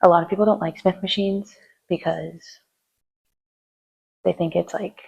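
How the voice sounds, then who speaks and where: A woman's voice: fairly low pitch, fairly even intonation, measured pace, vocal fry, darkish tone, husky, low-quality recording. A woman chatting through her gym workout, giving casual lifting tips between sets, sometimes out of breath. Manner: chatty, rambling, with fillers. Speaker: fitness vlogger.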